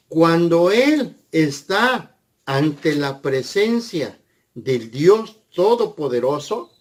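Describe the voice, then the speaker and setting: A man preaching a sermon, speaking deliberately and often asking his listeners short questions. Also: sits high. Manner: slow, deliberate, asks the audience questions.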